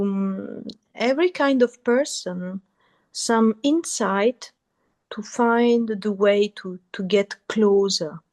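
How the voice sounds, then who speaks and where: A woman with a mix of Italian and French accent, a podcast guest answering questions in a relaxed interview, searching for words and often restarting her sentences. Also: medium pitch. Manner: searching for words, many restarts, laughs easily. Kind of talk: casual interview conversation.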